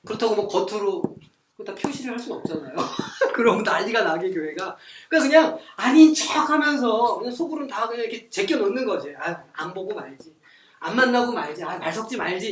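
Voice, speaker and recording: A man in his forties leading a church Bible study, telling stories in a lively way and acting out what people said. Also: high-pitched, distant mic. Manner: animated storytelling, acting out quoted speech. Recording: echoey room, voice from afar, faint noise.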